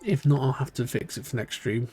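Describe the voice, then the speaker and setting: A man's voice: medium pitch, brisk, darkish tone, breathy edge. British guy chatting away on a speedrun stream, accent wandering all over the country, normal mid voice, bit of game music behind. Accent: British, shifting between regions. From Britain. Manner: chatty, rambling, thinking aloud. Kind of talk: live-stream gameplay commentary.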